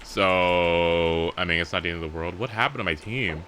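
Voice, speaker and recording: A young adult man livestreams a game, chatting casually, rambling informally and swearing freely. His low voice moves at a moderate pace against some background noise.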